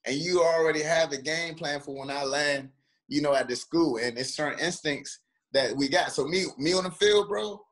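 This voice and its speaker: Slightly high-voiced man from DC. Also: moderate pace. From Washington, DC. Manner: animated slangy storytelling with many restarts. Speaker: guest, former football player and trainer. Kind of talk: casual podcast chat.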